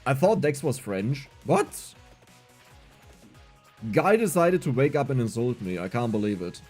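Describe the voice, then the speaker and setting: This young adult gamer, who has a German accent, talks a little slowly in a mid-range, somewhat mellow voice that swings widely in pitch. In a casual stream with faint music behind, he reads chat aloud and responds by poking fun at himself.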